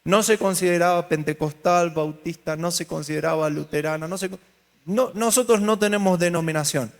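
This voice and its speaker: Here the Argentine-accented pastor sounds a little high and gravelly, talking fairly quickly. He teaches his congregation in a large hall through humor and storytelling, asking them questions along the way, and hall reverb colors the sound.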